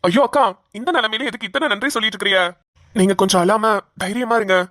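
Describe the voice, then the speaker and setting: A woman voicing a kind young man who gently comforts his family in a cartoon. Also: mid-range voice, quick pace, no echo, clean studio sound, close to an everyday voice. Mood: comforting.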